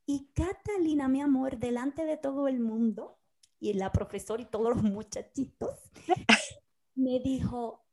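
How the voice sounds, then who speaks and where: Her voice sits high and her pace is a bit slow. She is a Dominican podcast co-host in her thirties who spins lively stories in casual conversation, acting out the lines other people said.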